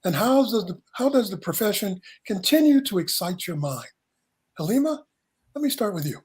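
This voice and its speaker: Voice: medium pitch, very animated, moderate pace, darkish tone. A moderator hosting a televised panel discussion in a polished, welcoming way. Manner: polished, welcoming host patter.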